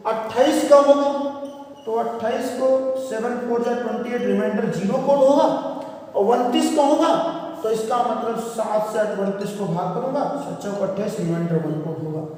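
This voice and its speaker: A man's voice: very high-pitched, darkish tone. A man teaching a classroom math lesson, asking questions and answering them himself. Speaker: reasoning teacher. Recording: echoey room, voice far from the mic.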